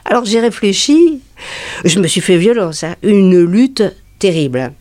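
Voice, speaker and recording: A woman playing an excitable, gleeful working-class woman. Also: mid-range voice, measured pace, no room sound, close to an everyday voice. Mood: excited. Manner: animated, breathless gossiping, acts out every voice. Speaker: storyteller recounting to a friend. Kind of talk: stage play acting.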